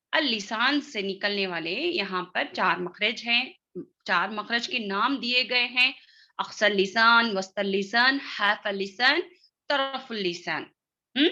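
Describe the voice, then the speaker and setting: A woman teaching a recitation class. She repeats terms slowly, spells letters out one at a time, and keeps checking that students follow. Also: a little high, pushed and bright. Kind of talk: online class lesson.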